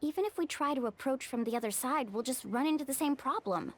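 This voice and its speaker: Mualani, animated high-voiced young guide. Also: female voice, fast, slight background noise. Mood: thoughtful. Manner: confident, explanatory, animated. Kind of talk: video game voice acting.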